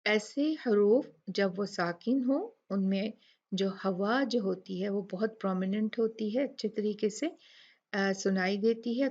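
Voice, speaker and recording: A woman teaching Quran recitation rules, explaining patiently, repeating words slowly and asking rhetorical questions. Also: medium pitch, a little mellow. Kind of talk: slow explanatory lesson with recited examples. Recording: dull lo-fi recording.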